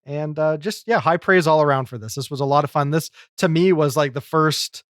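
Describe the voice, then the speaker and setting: Man, podcast host, thoughtful measured chat, higher pitch, dry recording. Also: fairly bright tone, no echo. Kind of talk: casual chat.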